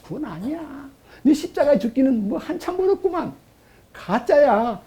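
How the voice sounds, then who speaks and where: A sneering devil taunts and accuses, needling with mocking questions in a high, hushed voice, as a preacher puts him on. The voice jumps about as it jeers. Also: male voice, sing-song, normal speed, exaggerated voice. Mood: taunting.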